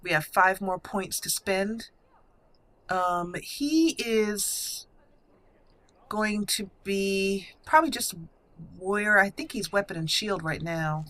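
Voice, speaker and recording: Speaking slowly in a mid-range, slightly bright voice, a let's play host narrates her gameplay in a relaxed way. There's no echo, and she muses out loud while working through her choices.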